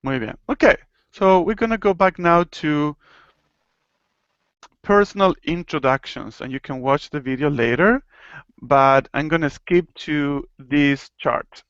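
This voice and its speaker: A man's voice: a little high, a bit bright, clear, resonant tone, dry recording, lo-fi sound. A man from Argentina with an Argentine accent, teaching a Spanish lesson online and explaining things patiently. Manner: patient, explains slowly, chuckles at own jokes.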